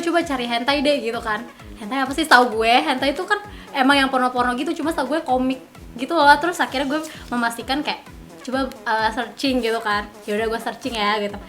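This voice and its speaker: A woman's voice: sits high, sharp tone. A woman in her twenties chatting casually, explaining herself in a flustered way. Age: 20s. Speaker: guest. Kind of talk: casual chat.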